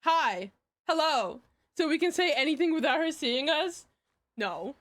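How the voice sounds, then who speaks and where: A woman's voice: high voice, expressive, unhurried, fairly bright tone. A young woman chatting casually on a livestream in a hyper, giggly, scattered way, often repeating herself.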